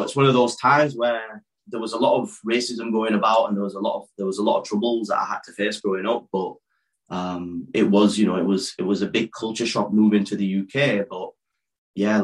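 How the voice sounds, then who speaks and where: A man in his thirties speaks in a low, unhurried voice, a wrestler guest recounting his upbringing. His first language was Urdu, and he grew up in the north of England. He talks openly and at length, often restarting his sentences. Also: poor audio. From born in Pakistan, raised in West Yorkshire. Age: 30s. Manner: open, rambling storytelling with many restarts. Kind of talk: casual interview.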